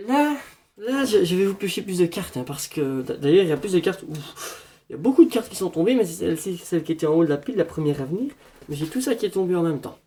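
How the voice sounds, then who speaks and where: A man's voice: sits high, a little mellow. A man doing a parody horoscope reading, rambling in a mock-solemn fortune-teller manner. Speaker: comedian.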